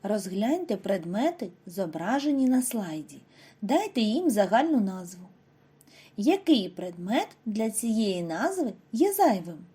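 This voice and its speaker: A woman giving a scripted reading lesson to first graders, speaking clearly and stretching out example words slowly for the children. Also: medium pitch, sing-song, mellow. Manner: slow, over-articulated model words for children. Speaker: primary school teacher.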